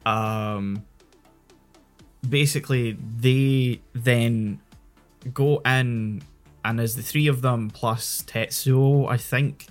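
A man's voice: medium pitch, fairly even intonation, drawn-out words, soft background music. A man with a Scottish accent co-hosting a podcast, explaining in a rambling, self-correcting casual chat. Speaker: podcast co-host.

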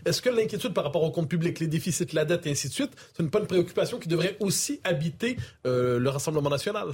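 A man working as a political journalist, putting a measured question to his guest. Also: on the high side, lively intonation, a little mellow, breathy edge. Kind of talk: political interview.

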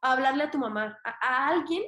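A woman's voice: sits high, brisk, a bit bright, lo-fi sound. A young woman with a Mexican accent, a podcast guest talking casually and emphatically, with slang and the odd swear word. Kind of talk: casual interview talk. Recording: roomy echo.

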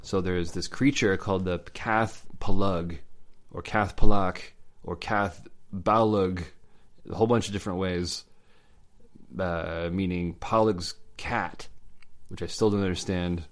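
A man talking casually as podcast co-host, halting with many fillers and restarts. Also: low-pitched, steady tone. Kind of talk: casual chat about legends.

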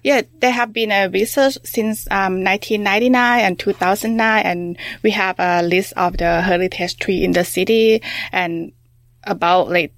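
A woman with a Thai accent, a researcher answering interview questions in a halting way, full of fillers and restarts. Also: mid-range voice, no room sound. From Thailand. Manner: halting, many fillers and restarts, soft-spoken. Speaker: researcher guest.

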